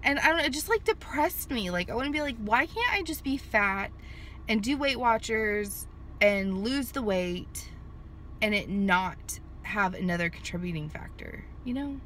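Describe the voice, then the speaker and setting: This thirties-aged vlogger talks casually to her phone camera from a car parked in a sunny lot, the phone held out at arm's length. Her voice is on the high side, animated and fairly bright at a normal speed, and she rambles with lots of fillers and restarts. A little hiss or hum is audible.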